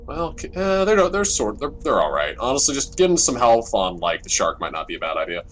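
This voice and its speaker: A man playing in a tabletop game, rambling and restarting, bursting into excited swearing. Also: mid-range voice, a little fast, faint music behind. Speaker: player. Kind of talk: casual tabletop play.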